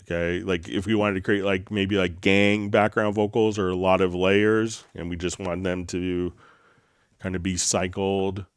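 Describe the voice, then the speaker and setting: Very deep, smooth, magnetic male voice. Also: no room sound, clean studio sound. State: getting over a slight cold. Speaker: livestream host answering software questions. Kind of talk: casual tutorial livestream talk. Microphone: close microphone straight into mixer.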